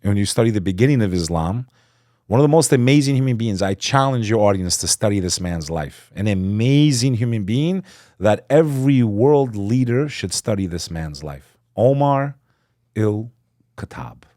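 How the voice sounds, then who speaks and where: Podcast guest from Texas, a man with a low, dry-miked voice, earnest and lecturing. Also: expressive, normal speed, dark tone, dry recording. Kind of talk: casual podcast conversation.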